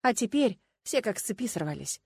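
Expressive woman narrating an audiobook. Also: fairly high pitch, brisk, vocal fry, husky, no room sound, studio quality.

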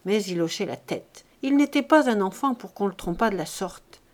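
Woman reading a novel aloud. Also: medium pitch. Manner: measured, even storytelling. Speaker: audiobook reader. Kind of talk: scripted narration of a novel.

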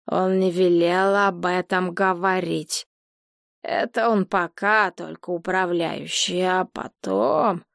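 A woman voicing a tipsy, capricious young woman who talks in a slow, slurred and whiny way, recorded dry and close. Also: on the low side, steady tone, creaky, no echo. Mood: secretive tipsy.

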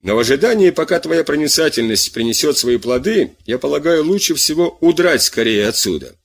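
A man voicing a scheming police spy who mocks his sergeants in a husky, lively voice. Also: fairly high pitch, a little fast. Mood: sly.

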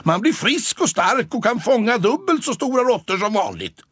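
Audiobook: man playing a bright-spirited young ski-champion cat, chatty, husky voice, big pitch swings. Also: very animated, no echo, heavily acted. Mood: cheerful. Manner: cheerful, chatty, upbeat. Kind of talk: audiobook character voice.

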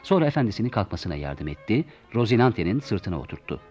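A man's voice: lowish voice, sing-song, fast. A man reading a classic tale aloud as narrator, acting out the characters' lines. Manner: acts out the dialogue with raised, shouting lines. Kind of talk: storybook reading with voiced dialogue. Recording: dull lo-fi recording with soft music.

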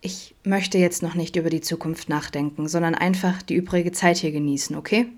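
A tender young man with a soft, breathy way of speaking, affectionate and lightly teasing, put on by a woman reading an audiobook. The voice sits low overall but lifts gently when he speaks. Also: steady tone, a little fast, lightly acted.

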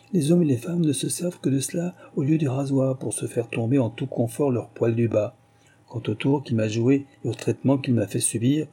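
A humble, forgiving barber in a storybook tale, pleading his case earnestly, as voiced by a man reading aloud. The tone stays close to the narrator's own, dark and husky. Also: mid-range voice, close to an everyday voice. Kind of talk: audiobook reading.

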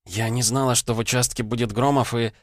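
A man voicing a frightened, pleading seventeen-year-old girl in an audiobook, speaking softly. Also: mid-range voice, steady tone, brisk, no room sound, clean studio sound, pitched above the performer's own voice, lightly acted. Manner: soft, pleading voice.

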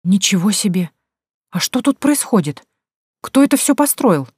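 A brash, feisty young village woman who snaps back at everyone, as a woman narrator puts her on. Her lines jump up sharply and come out loud and quick, read in a close, dry audiobook sound. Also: medium pitch, sing-song, breathy edge, no room sound, pitched above the performer's own voice.

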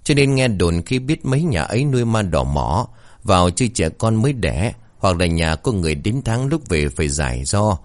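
A grave old ritual master, as a male storyteller voices him, deep and ominous as he explains a ghost. The voice is very low but moves a lot in pitch. The sound is dry and close. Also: sing-song, moderate pace, no echo.

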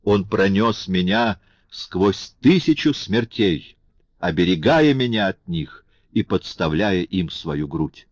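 A man's voice: low-pitched, lively intonation, slow, husky, dry recording, exaggerated voice. A man reading an audiobook, voicing a passionate, grateful young man in a raised, exclaiming voice. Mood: fervent. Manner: impassioned, exclaiming, pleading. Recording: dull lo-fi audiobook recording.

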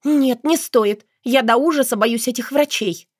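A woman's voice: high voice, unhurried, dry recording, clean studio sound. A woman voicing a pleading, clingy woman in an audiobook, speaking in a plaintive, wheedling way. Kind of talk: audiobook character voice.

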